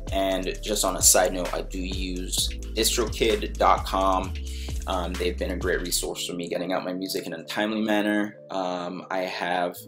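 Speaking at a moderate pace in a low-sitting male voice, this Barbadian music producer walks through a screen-recorded design tutorial. His manner is laid-back and full of ums and false starts.

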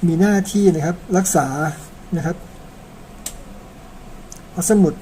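A man's voice: a little high, slow, warm tone, a little hiss or hum. A man from Thailand narrating an old epic in a chatty, casual way, tagging his sentences with polite particles and slipping in personal asides. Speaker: storyteller.

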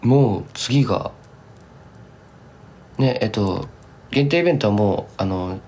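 Slow and a little mellow, his lowish voice carries some hiss or hum in the background. The speaker is a young singer-songwriter from Kumamoto, Japan, casually rambling to fans on a live stream and lapsing into strong Kumamoto dialect.

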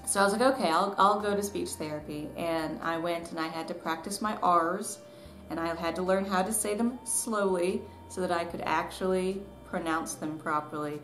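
Her fairly low voice moves at normal speed and has a slightly bright quality, with soft music in the background. She's a thirtysomething author and vlogger from Tennessee and Georgia in the southern US, casually recounting a personal story to camera with self-deprecating humor. The small living room she records in is echoey and carries background noise.

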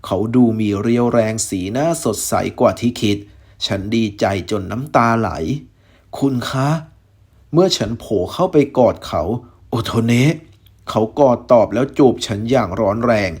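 A man reading a novel aloud as a storyteller, in a steady, measured way. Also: mid-range voice, husky.

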